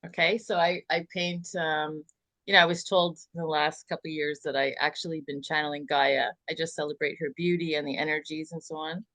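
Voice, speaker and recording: A woman's voice: deep voice, steady tone, fairly quick, a bit bright, no room sound. A woman on a call who asks a rambling question in a hesitant way, stopping and restarting often. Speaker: caller.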